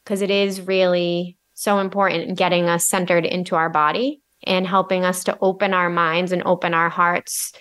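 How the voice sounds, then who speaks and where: A woman's voice: fairly low pitch, fairly bright tone. A woman co-hosting a podcast, talking conversationally in a reflective, earnest way as she explains things. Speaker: podcast co-host.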